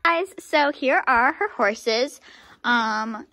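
A woman's voice: fairly high pitch, extremely slow, bright, forceful tone, no room sound. A teenage girl casually narrating a farm vlog on a handheld phone, chatty and giggly with lots of ums. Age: teens. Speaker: vlogger. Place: outdoors on a farm, barns and pens. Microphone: handheld phone camera.

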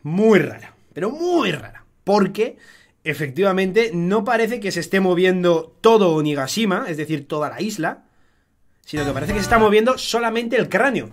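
A young man from Spain with a Spanish accent, talking excitedly through a casual live-stream commentary, swearing often in chatty fan banter. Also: high voice. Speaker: streamer analyzing an anime opening.

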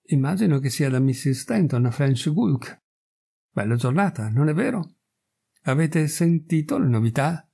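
A man voicing a chatty, unsuspecting husband in a storybook reading, brisk and casual. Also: fairly high pitch, gravelly, dark tone, slightly rough, heavily acted.

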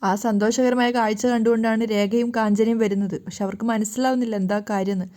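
Fairly high, mellow woman storyteller. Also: fast. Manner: plain, steady retelling with small slips. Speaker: storyteller recapping a serial. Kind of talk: casual story recap narration.

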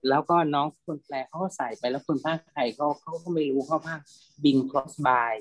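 A man's voice: fairly high pitch, fairly even intonation, normal speed, rough recording. A middle-aged man, a film subtitle and dubbing translator, talking at length in a panel discussion, rambling and repeating words.

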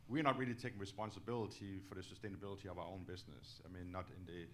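Low-voiced and rapid-fire, with fairly even intonation, this middle-aged Danish executive speaks emphatically as a guest in a stage interview. He's a native Danish speaker from Denmark who keeps checking in with "okay?" at the end of his points. A handheld mic in the indoor auditorium picks up slight background noise.

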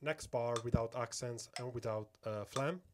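A man's voice: medium pitch, normal speed, noisy background. A man giving a step-by-step drum lesson, counting beats aloud and often checking in with "okay?". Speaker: drum teacher. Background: metronome clicks.

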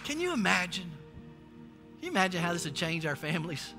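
Very animated and a little fast, a middle-aged American pastor with a high-pitched voice preaches emphatically, exhorting the crowd and repeating phrases to press them home. The amplified sermon comes from a large indoor church stage, recorded with echoey hall reverb and faint music.

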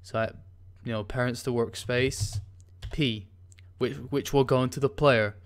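Man, coding tutorial host, smooth clear voice, mid pitch, casual, hesitant, keyboard typing behind. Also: fairly even intonation, unhurried. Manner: casual, hesitant, many ums while typing. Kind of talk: screen-recorded coding tutorial.

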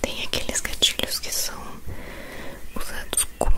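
A young Brazilian woman whispering ASMR to the listener in a drawn-out, coaxing, playful way. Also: heavy reverb, far from the mic. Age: young adult. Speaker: ASMR host. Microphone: sensitive stereo recorder, moved from side to side.

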